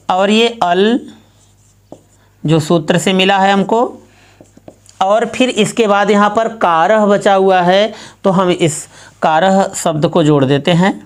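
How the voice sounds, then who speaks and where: A woman teaching Sanskrit grammar, walking through each step methodically and repeating herself as she works an example. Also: medium pitch.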